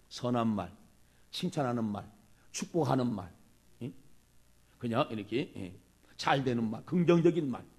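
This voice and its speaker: A man preaching a sermon as a pastor, animated and acting out the people he quotes. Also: mid-range voice, creaky, husky. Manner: animated, acts out quoted speech.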